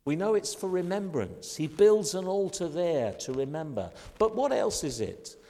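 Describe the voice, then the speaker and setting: Older British pastor, emphatic sermon delivery with slowed stresses; long church-hall reverb. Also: male voice, a little high, lively intonation, mellow. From Britain. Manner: emphatic preaching cadence, slowing to stress key phrases.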